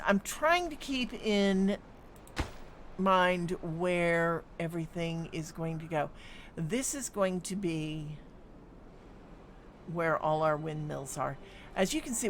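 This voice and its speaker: Here a woman with a lowish voice talks over slight background noise. It's live gameplay commentary: she streams a city-building game, reasoning out loud and dropping in plenty of ums and hums.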